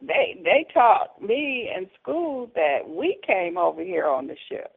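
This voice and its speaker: A man with a fairly high, gravelly voice co-hosts a radio talk show. He speaks slowly and asks probing questions. The sound is thin and tinny, like a phone line. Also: very animated, no echo.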